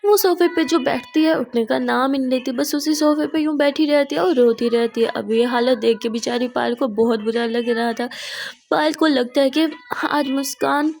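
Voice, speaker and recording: A woman tells a story in a casual, chatty way, often pausing with fillers and restarting her sentences. Her voice is high and has a noticeable vocal fry. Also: darkish tone.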